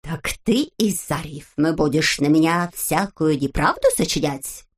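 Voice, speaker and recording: A stern little know-it-all from a children's storybook, speaking slowly and with weight, every word measured and faintly threatening, played by a woman. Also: low-pitched, animated, husky, heavily acted. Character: clever, stern little male leader shorty.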